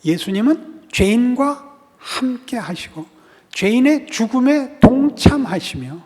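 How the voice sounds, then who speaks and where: A male pastor preaching a sermon, swinging from loud exhortation down to hushed, whispered asides. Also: very high voice, big pitch swings, slow, big-room sound. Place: church sanctuary.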